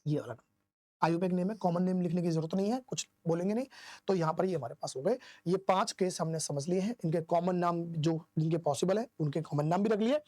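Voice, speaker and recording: A man's voice: high-pitched, fairly quick, darkish tone, no room sound. A man teaching chemistry in a classroom-style lecture, asking questions and answering them himself while counting aloud. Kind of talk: classroom lecture explaining isomer naming.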